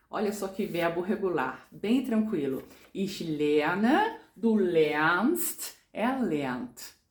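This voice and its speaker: A woman's voice: on the low side, darkish tone, reverberant. A woman teaching German grammar, patiently spelling out verb endings and repeating little tag questions. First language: Portuguese. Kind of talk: explaining grammar to learners.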